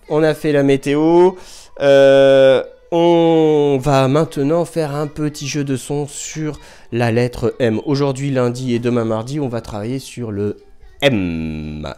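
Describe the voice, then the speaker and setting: A man who is a primary school teacher, giving a remote lesson to young children at home, speaking slowly and clearly, sounding out syllables and counting down before each answer. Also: mid-range voice, darkish tone. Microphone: microphone in front of a camera.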